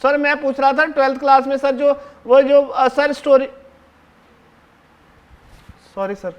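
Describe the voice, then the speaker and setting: Here a man onstage voices a cheeky seventh-grade boy in a one-man show, speaking straight to the audience in a very high, boyish register with fairly even intonation, a measured pace, and dull audio. Bossy and tattling, the chatty kid shushes and orders his classmates about. He also snitches to the teacher, fawning with "sir" in every line.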